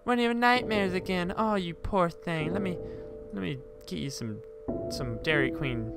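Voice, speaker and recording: A man's voice: high-pitched, normal speed, vocal fry, loud music behind the voice. A man voicing a doting woman caretaker who fusses over a patient in a sing-song, cooing way.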